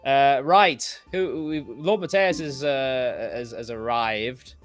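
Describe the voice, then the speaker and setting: A man's voice: medium pitch, slow pace, soft background music. Rambling English man hosting a livestream. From England. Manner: rambling, self-deprecating, many restarts. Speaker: host. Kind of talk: casual chat on a livestream.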